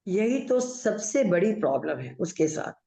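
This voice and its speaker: A woman's voice: fairly low pitch, big pitch swings, a little slow, dark tone. A woman acting a chatty, bossy middle-aged aunt in a play over a video call, mixing in English while she tells family stories. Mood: gossipy. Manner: mixes Hindi with English, gossipy storytelling. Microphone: video call audio. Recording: echoey room, dull muffled audio.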